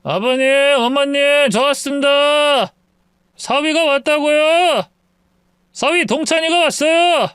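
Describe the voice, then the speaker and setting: A drunk, self-pitying young husband whines and pleads, as a man voices him in a high, slurred, drawn-out voice. The sound is dry and close, with no room around it. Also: a bit bright, no echo, exaggerated voice. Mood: drunk pleading.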